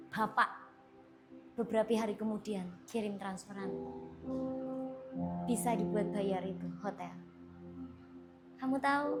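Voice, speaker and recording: A woman pastor in her thirties giving a sermon with a personal testimony, telling it casually and acting out conversations. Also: on the high side. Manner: animated storytelling, acting out dialogue; casual, chatty.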